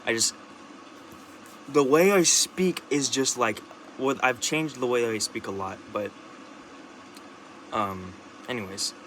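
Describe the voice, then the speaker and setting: A young man talking into his camera in a rambling, halting monologue, restarting sentences and swearing often. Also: fairly low pitch, bright, forceful tone, a little hiss or hum. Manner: rambling, halting, with many restarts, fillers and curses. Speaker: vlogger.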